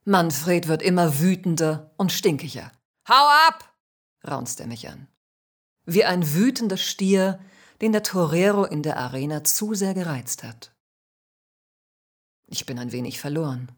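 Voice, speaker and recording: A woman with a low, husky voice tells a first-person spiritual story. She speaks slowly, calm and measured, and stays soft-spoken throughout.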